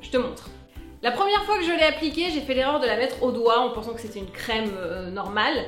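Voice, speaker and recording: A young woman talks through a casual beauty review with a playful, chatty manner and now and then breaks into sung asides. Her voice sits a little high. The room is echoey, with faint music behind her. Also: a little fast. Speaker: beauty vlogger.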